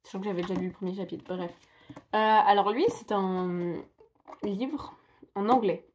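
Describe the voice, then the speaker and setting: A woman's voice: mid-range voice, moderate pace, slight background noise. A young woman in casual vlog chat, rambling and self-mocking with lots of fillers. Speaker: book vlogger.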